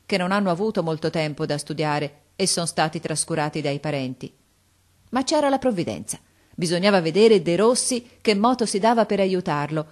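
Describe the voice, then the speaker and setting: A woman narrates an audiobook in a slightly low voice. Her reading is expressive, rising for emphasis and sinking for the softer moments. It is a steady, storytelling delivery.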